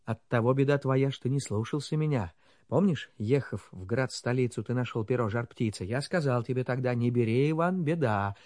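A man voicing a small, kindly, wise male humpbacked horse in a storybook reading, speaking softly and quickly. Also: mid-range voice, no room sound, clean studio sound, pitched below the performer's own voice, close to an everyday voice. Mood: gently scolding. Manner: soft, hushed and quick.

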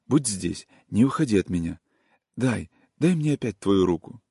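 A man voicing a feverish, weak young man in an audiobook reading, speaking faintly and breathlessly in a hushed voice. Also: fairly low pitch, sing-song, moderate pace, creaky, breathy edge, no room sound, studio quality, exaggerated voice.

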